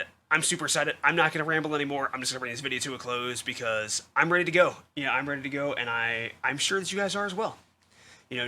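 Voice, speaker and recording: A man hosting a gaming video, talking casually and excitedly with lots of restarts and repeats. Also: mid-range voice, a little hiss or hum. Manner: excitable, rambling, repeats himself. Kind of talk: casual game commentary. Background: loud music.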